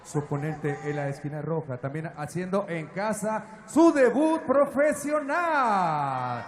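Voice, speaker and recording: A man with a Mexican accent announcing fights like a lucha libre announcer, rattling off details and stretching names into dramatic shouts. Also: a little high, sing-song, normal speed. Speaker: ring announcer. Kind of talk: lucha libre style ring announcing in Spanish. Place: fight cage in an arena. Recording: echoey arena PA with crowd noise.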